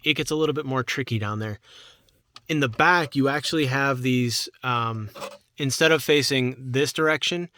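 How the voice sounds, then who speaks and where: A man's voice: mid-range voice, no room sound. Casual man explaining car work. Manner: relaxed, chatty, talks while working with hands. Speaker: car how-to video host. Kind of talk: casual step-by-step tutorial. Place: inside a car.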